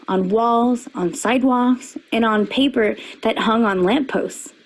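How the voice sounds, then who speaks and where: Husky-voiced woman reading a storybook. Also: poor audio. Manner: expressive storybook reading, lifts the pitch for quoted lines. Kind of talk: reading a picture book aloud.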